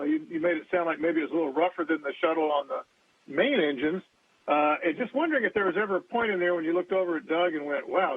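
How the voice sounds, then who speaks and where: Man, reporter, husky and rapid, informal questioning over a narrow phone line. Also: on the high side, dry recording. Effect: telephone line. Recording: tinny, rough phone line.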